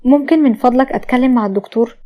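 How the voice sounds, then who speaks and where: A woman voicing a gravely ill mother with an Egyptian Arabic accent, politely pleading with a doctor in a read-aloud story. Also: a little high, very fast, highs cut off, lightly acted. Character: desperate sick mother calling a doctor.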